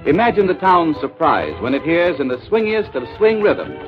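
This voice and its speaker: A man's voice: a little high, big pitch swings, normal speed. Man announcing on an old 1930s radio broadcast. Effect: old 1930s radio broadcast sound. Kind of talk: scripted promotional narration. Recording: dull lo-fi 1930s radio recording with music.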